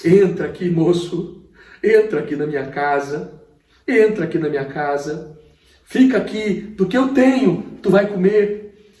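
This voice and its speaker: A man playing a kind, tearful male pastor who pleads warmly. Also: a little high, unhurried, pitched above the performer's own voice, close to an everyday voice. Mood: pleading warmly. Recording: roomy, distant mic.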